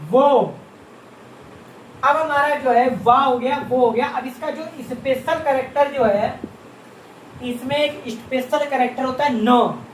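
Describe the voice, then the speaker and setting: Speaking at an extremely high pitch, a man teaches beginners Japanese script with slow, patient explanation, answering the questions he asks and repeating every sound. The mic sits far off in an echoey room, picking up faint ambience and slight background noise.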